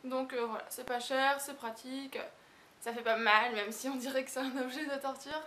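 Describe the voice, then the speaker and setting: A woman's voice: high voice, steady tone, normal speed, pushed and bright. A woman casually reviewing makeup products in a chatty, rambling, hesitant way. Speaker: beauty vlogger. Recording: echoey room with hiss.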